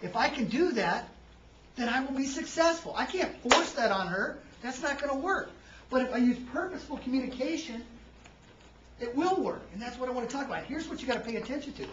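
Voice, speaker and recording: A high-pitched male seminar presenter runs a lively, interactive workshop lecture at a fairly quick pace, quizzing the audience, tagging lines with "right?", and punching certain words louder for emphasis. He's recorded from a distance across an echoing hall. The sound is muffled and a little dull, with a noisy background.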